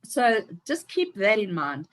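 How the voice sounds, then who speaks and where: A woman's voice: medium pitch, very animated, a little slow. A woman, giving an upbeat, emphatic motivational talk as a team leader on a video call. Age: 50s.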